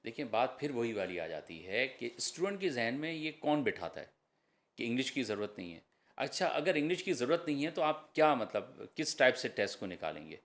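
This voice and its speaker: A man speaks as an IELTS trainer on a podcast. He explains step by step at a mid-range pitch and drops English terms in as he goes. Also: sing-song, fairly bright tone. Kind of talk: podcast interview answers.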